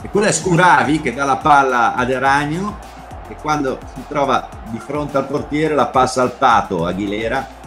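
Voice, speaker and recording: Animated middle-aged Italian man hosting, music behind. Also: medium pitch, moderate pace. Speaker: host commenting on football highlights. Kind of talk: casual chat and informal match commentary. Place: home room, video call. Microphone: computer microphone on a video call.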